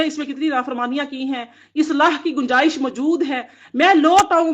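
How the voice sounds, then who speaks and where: Lady preaching to her sisters, high earnest voice, kinda dull lo-fi sound. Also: a bit bright. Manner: earnest, exhorting, lists in repeated phrases. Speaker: Islamic teacher giving Quran commentary. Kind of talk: devotional talk to women. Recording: dull lo-fi audio.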